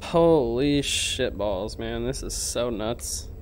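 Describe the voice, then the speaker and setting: Slow-talking, cursing male game streamer. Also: mid-range voice, lively intonation, slight background noise. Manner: casual, profane, chatty with viewers. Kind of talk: casual live-stream chat. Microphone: headset.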